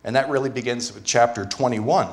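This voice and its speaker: A man's voice: medium pitch, brisk. A man preaching a sermon as pastor, earnest and teaching, repeating key phrases for emphasis. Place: church.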